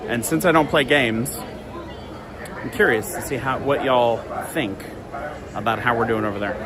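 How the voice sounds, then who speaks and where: A man's voice: mid-range voice, normal speed. A man hosting a livestream with casual, playful chat, recorded live in a busy public place. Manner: playful, chatty. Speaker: livestream host. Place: busy theme park queue. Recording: busy public crowd noise, live outdoors. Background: loud crowd.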